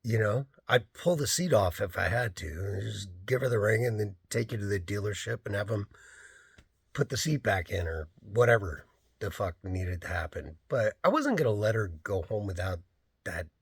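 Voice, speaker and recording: A man's voice: on the low side, expressive, moderate pace, creaky, husky, dry recording. A man, a rideshare driver, casually telling a story in a rambling way, full of "like" and "you know".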